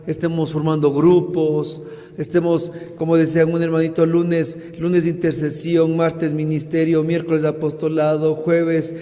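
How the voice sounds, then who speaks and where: A male preacher giving a sermon, telling a story dramatically and loudly acting out the voices in it. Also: fairly high pitch, completely flat delivery, a little slow. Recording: echoey hall reverb.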